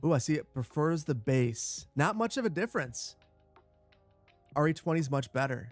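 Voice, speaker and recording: A man with a boomy, bass-heavy sound on a close broadcast microphone, chatting casually and repeating short phrases as he hosts a gaming livestream. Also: expressive, moderate pace, soft background music. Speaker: livestream host, gamer. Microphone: close broadcast dynamic microphone.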